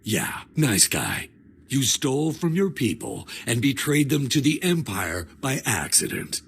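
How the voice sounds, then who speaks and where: A man's voice: mid-range voice, big pitch swings, unhurried, gravelly, a little hiss or hum. An actor playing a laid-back, sarcastic male agent with dry wit.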